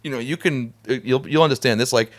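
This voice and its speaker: A man hosting a casual studio conversation, talkative and animated, laughing often. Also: mid-range voice, fast talker. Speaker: podcast host. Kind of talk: casual chat.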